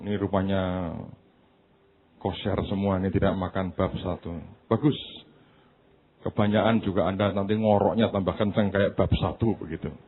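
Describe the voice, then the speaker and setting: A man pastor preaching a sermon, swinging from quiet asides to high shouted preaching, with humorous stories and acted-out quotes. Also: steady tone, moderate pace, long pauses, a little hiss or hum. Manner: tells humorous anecdotes and acts out quoted voices. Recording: thin phone-like sound.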